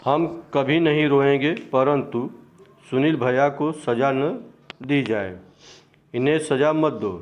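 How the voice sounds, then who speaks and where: A man's voice: mid-range voice, takes it slowly, natural voice. A man reading as a pleading little boy. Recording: dull lo-fi recording.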